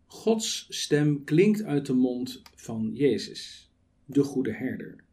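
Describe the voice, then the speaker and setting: A man preaching a sermon, building it on rhetorical questions and measured lists. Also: medium pitch, very animated, warm tone.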